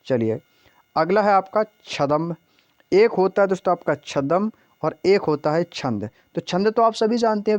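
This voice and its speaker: A man's voice: sits high, darkish tone, no echo. A man teaching an exam-prep grammar lesson, often asking questions and answering them himself. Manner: repeats questions to the class, calls listeners "friends". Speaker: Hindi teacher.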